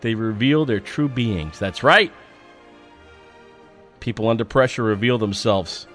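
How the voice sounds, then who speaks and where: A man telling a personal story as a monologue, in an animated, profane and self-mocking way. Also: on the low side, measured pace, soft background music.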